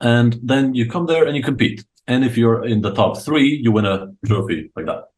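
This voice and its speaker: A young Croatian man, a chess coach appearing as a podcast guest, tells stories with informal enthusiasm in a relaxed interview. His voice is medium-pitched and slightly mellow, at a moderate pace.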